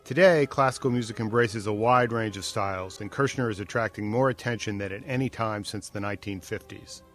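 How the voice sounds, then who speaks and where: A man reading scripted narration for a news feature in a measured, even way. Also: on the low side, faint music behind.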